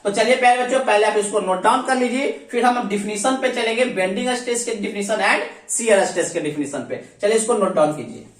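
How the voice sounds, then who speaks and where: A woman's voice: medium pitch, animated, fast, few pauses, far from the mic. A woman teacher giving a recorded class lecture, who keeps asking questions and answering them herself and calls her students dear children. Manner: mixes English technical terms into speech. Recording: echoey room, voice from off the mic.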